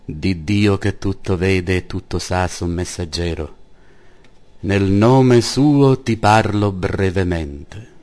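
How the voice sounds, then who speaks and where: A man's voice: low-pitched, slow pace, a little mellow. A man doing a solemn, preaching friar. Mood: earnest. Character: solemn, gentle friar, stern yet kind.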